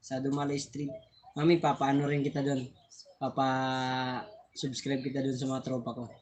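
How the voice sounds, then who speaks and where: A man's voice: medium pitch, completely flat delivery, moderate pace, darkish tone. A man hosting a casual live stream on his phone, chatting and laughing often as he thanks viewers, sometimes tripping over his words.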